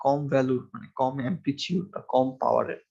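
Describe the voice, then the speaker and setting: A man's voice: mid-range voice, fast talker, vocal fry, mellow, slightly rough, highs cut off. Man lecturing to a classroom, questioning students. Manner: explanatory, asks students questions, many fillers. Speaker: university lecturer. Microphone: microphone with amplifier in a classroom.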